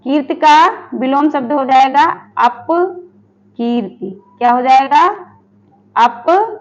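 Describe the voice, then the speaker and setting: A woman teaching a Hindi lesson for exam preparation. She asks her students questions, answers them herself and repeats each word slowly. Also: high voice, muffled recording. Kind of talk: online exam-prep lesson.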